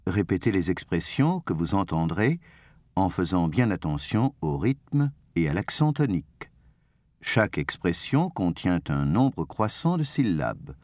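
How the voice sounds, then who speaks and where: A man with a low voice reads scripted language-lesson instructions. His delivery is clear and measured, rising and falling with plenty of movement. The recording is dry and close, with no room sound. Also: very animated, darkish tone, dry recording.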